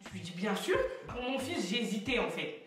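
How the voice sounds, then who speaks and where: A woman's voice: mid-range voice, very animated, moderate pace, fairly bright tone, far from the mic. A young woman telling a story casually and animatedly, acting out the dialogue with plenty of slang. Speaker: vlogger telling her birth story. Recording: echoey room, voice from off-mic.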